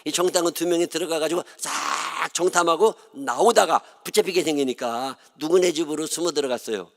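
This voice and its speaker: A man's voice: a little high, brisk, creaky, a bit bright. A middle-aged man from Chungcheong province, speaking with a Chungcheong Korean accent, preaching a revival sermon as a pastor in folksy, joking storytelling. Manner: folksy, joking, mutters and mimics others. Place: church sanctuary.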